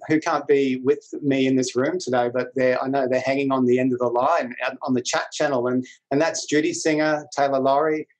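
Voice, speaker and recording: A man's voice: medium pitch, rough recording. A middle-aged man with an Australian accent, presenting a webinar introduction as moderator in an informal, colloquial way over a video call. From New South Wales, Australia. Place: small indoor office room. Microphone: video call computer microphone.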